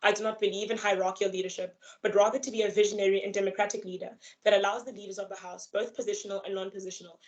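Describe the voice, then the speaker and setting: A young woman on a video call, reading her prepared campaign speech in an earnest, formal way. Her pitch sits mid-range for a woman, and her pace is steady and measured. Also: highs cut off. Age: young adult. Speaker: student election candidate.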